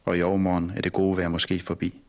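A man's voice: low voice, completely flat delivery, lightly acted. A man voicing a cheerful, easygoing father in a storybook reading. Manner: cheerful, friendly.

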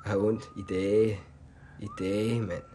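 Gruff low-voiced man telling a rough story. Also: little pitch movement, slight background noise. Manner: loose, colloquial, keeps adding "ikke?" and "mand"; drops to a quiet, low voice when recalling pain. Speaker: interviewee. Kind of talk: candid personal storytelling.

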